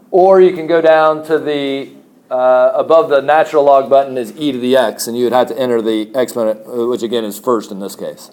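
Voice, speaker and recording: A man's voice: a little high, darkish tone. A man teaching a math class, explaining steps in a chatty way and joking with students. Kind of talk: classroom lecture.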